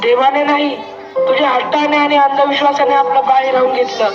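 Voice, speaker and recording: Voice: high voice, flat delivery, brisk, loud music behind the voice, over a noisy crowd, natural voice. A child on a school stage playing a stern husband who scolds his wife. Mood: scolding. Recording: echoey hall, dull sound.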